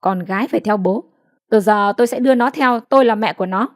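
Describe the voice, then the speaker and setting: A woman voicing a cruel, haughty young woman who speaks with sharp scorn and gives orders. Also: mid-range voice, quick pace, natural voice. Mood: scornful.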